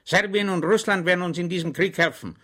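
A man's voice: high-pitched, a little fast, bright, forceful tone, voice pushed up. A man voicing a simple, good-natured, chatty soldier in an audiobook, rambling with naive confidence. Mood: eager.

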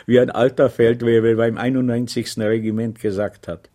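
A man's voice: mid-range voice, level tone, normal speed, warm tone, lightly acted. A man voicing a good-natured, simple male soldier-servant in a storybook reading, with a rambling, cheerful way of talking. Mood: chatty.

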